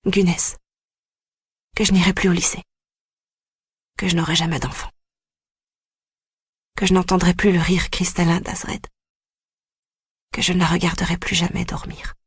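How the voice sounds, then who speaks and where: Husky, grave audiobook narrator. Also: medium pitch, dry recording, clean studio sound. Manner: grave, even first-person storytelling. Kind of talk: scripted narration.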